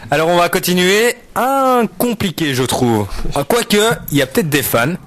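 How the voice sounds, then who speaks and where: High-pitched man hosting radio. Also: lively intonation, moderate pace, a bit bright, no room sound. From Belgium. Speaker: radio show host. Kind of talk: casual radio chat. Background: music.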